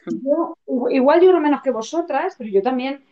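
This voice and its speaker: A woman with a Spain Spanish accent in casual chat, telling a personal story with lively acted-out quotes and frequent swearing. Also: high-pitched, a little fast. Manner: lively storytelling, acting out her own quoted lines, swears freely. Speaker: podcast co-host. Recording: dull lo-fi sound.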